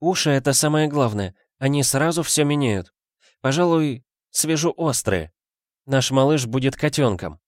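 A man voicing a timid, tired pregnant young wife who speaks softly and meekly. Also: mid-range voice, animated, moderate pace, no room sound, studio quality, pitched above the performer's own voice, natural voice. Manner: soft, meek.

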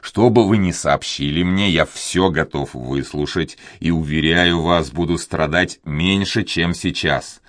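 A man voicing a courteous, impatient young gentleman in love, speaking in his own deep voice. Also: a little slow, hardly any pauses, dry recording, clean studio sound. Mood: urgent courteous. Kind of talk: audiobook character reading.

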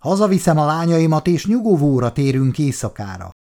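A man's voice: a little high, wildly swooping pitch, fairly bright tone, husky, voice pushed up, heavily acted. A man voicing a former soldier and father who apologizes tensely in a raised voice. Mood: placating.

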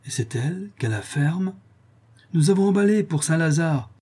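A scheming, greedy old woman who wheedles in coarse slang, as a male reader puts her on. Her voice is lifted above his own, yet stays dark and husky. It is an audiobook figure of low cunning. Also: expressive, normal speed. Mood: wheedling.

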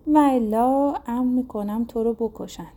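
Brief: storybook king, scheming and menacing, read by a woman narrator, mellow higher voice, commanding. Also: close to an everyday voice. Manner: commanding, issuing threats. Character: scheming king, lustful and threatening.

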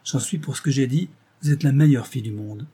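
A man's voice: medium pitch, brisk, mellow, slightly rough, close to an everyday voice. A man reading the part of a good-natured, naive young man who talks eagerly and guilelessly.

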